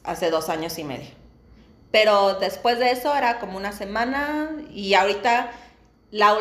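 A woman in her thirties with a Mexican Spanish accent co-hosts a casual chat podcast, telling personal stories candidly and animatedly and laughing often. Her voice is medium in pitch, recorded in an echoey room.

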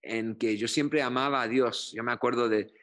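A middle-aged pastor from Chile giving his testimony in an interview, speaking earnestly with frequent fillers and halting restarts. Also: mid-range voice, steady tone, a bit bright.

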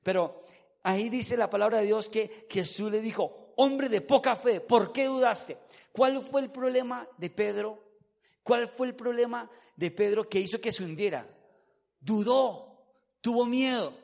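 A man preaching a sermon, telling the story in an animated way and having the congregation repeat words after him. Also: high voice, measured pace, vocal fry.

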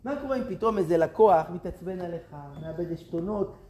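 A man's voice: high-pitched, expressive. A man voicing a woman friend passing on inside tips, in a roomy space. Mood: confiding. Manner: confiding, hushed tips. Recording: roomy with faint noise.

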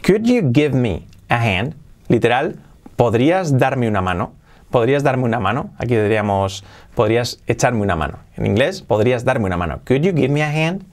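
Lively male English teacher drilling phrases. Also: medium pitch. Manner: repeats phrases slowly to model pronunciation. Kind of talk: video lesson for Spanish speakers.

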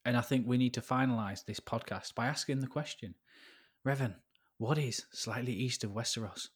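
A man's voice: mid-range voice, normal speed, breathy edge. A man co-hosting a podcast, trading teasing, playful quips in casual chat. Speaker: podcast co-host.

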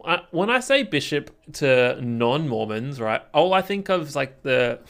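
A man's voice: mid-range voice, very animated, measured pace, creaky, a bit bright. A man co-hosting a podcast, chatting casually, full of fillers and often ending with "right?". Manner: chatty, filler-heavy, ends lines with "right?". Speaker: podcast co-host. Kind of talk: casual chat.

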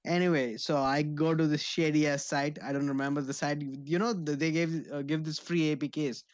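A male co-host with a somewhat high voice, recorded dry with no room sound. He chats casually in a slangy, joking, sweary way. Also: steady tone, a little fast, dry recording. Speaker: podcast co-host. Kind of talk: casual chat.

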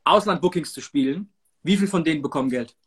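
Fast-talking man, high husky voice. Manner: quick, casual, slangy. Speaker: podcast co-host. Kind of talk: casual livestream podcast chat.

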